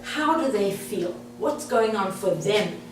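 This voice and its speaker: A South African woman presents to an audience in a meeting room, friendly, direct and chatty with the crowd. Her mid-range voice is animated but slow, and she stands well back from the mic in a roomy, echoey hall with a faint hum.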